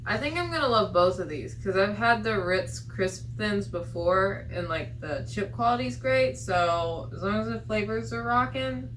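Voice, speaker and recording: A woman's voice: mid-range voice, expressive, moderate pace, hardly any pauses, a bit bright, slight background noise, low-quality recording. A woman chatting casually as a taster on a food review panel. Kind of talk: casual chat.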